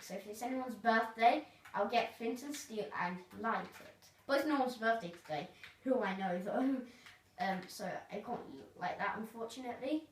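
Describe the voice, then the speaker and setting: A woman casually narrating a tour of her video game world, rambling and hesitant with lots of fillers. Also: fairly high pitch. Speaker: gamer giving a tour of their world. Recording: roomy, distant mic, faint noise.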